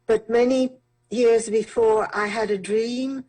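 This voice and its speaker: A woman giving a devotional testimonial in a measured, deliberate way. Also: fairly high pitch, steady tone, warm tone, poor audio.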